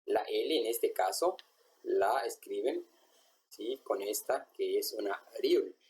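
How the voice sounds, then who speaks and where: Slow, patient man teaching. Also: fairly low pitch, expressive, a little mellow, low-quality recording. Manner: patient, repeats each example word slowly. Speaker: language teacher. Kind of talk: classroom explanation at a whiteboard.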